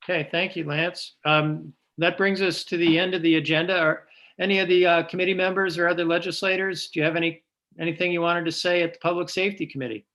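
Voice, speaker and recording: A man's voice: on the high side, flat delivery, quick pace, pushed and bright. A man chairing a remote committee meeting on a conference call, moderating procedure in a polite, informal way.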